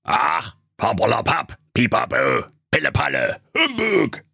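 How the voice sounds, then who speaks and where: A man's voice: extremely high pitch, big pitch swings, measured pace, vocal fry, pushed and bright, slightly rough, dry recording, clean studio sound, voice pushed up, full character voice. A man voicing a grumpy, stingy old junkyard owner who grumbles, snaps and curses. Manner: grumbling, cursing, snappish.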